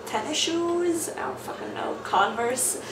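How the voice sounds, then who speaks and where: A woman's voice: sits high, wildly swooping pitch, a little slow. A young adult woman with a Southern Californian accent, chatting casually in a rambling, informal, sweary way. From Southern California, United States. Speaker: vlogger answering an accent challenge questionnaire. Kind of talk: casual chat. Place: small bare-walled room indoors. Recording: roomy, distant mic, noticeable background noise.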